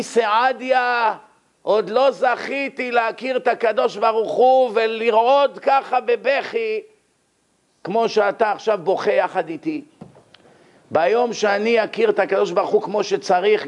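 A calm, revered old sage, as a man puts him on speaks slowly and earnestly, in a fairly high voice that rises on the key words. He sounds gentle and instructive as he draws his lesson. The voice sits close to the storyteller's own. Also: natural voice.

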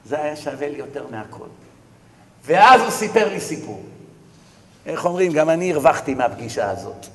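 A man, a rabbi giving a religious lecture, telling a story with lively acted-out dialogue. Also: on the high side. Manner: animated storyteller who acts out dialogue. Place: lecture hall. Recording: echoey hall with faint ambience.

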